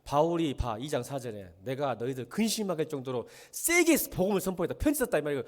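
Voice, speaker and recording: A middle-aged male pastor preaching a blunt sermon, firing rhetorical questions at his congregation and swinging from quiet talk to shouting. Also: on the high side, sing-song, fast.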